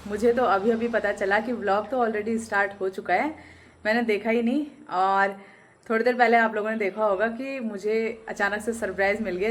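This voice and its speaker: A young woman, chatting casually to her vlog audience, laughing often as she tells stories. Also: a little high. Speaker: vlogger.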